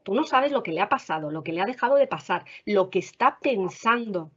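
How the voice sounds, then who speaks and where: A woman's voice: medium pitch, lively intonation, brisk, husky. A woman with a Spain Spanish accent, a school counselor giving parents practical advice in a webinar, often checking in with the audience. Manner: warm advisory tone, frequent "vale?" checks. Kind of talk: explanatory talk to parents. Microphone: video call. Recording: dull video-call audio.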